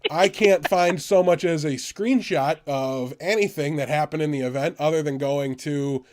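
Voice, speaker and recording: An American man co-hosting a gaming podcast, chatting casually and excitably, quick to laugh. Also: fairly high pitch. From United States. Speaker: podcast co-host.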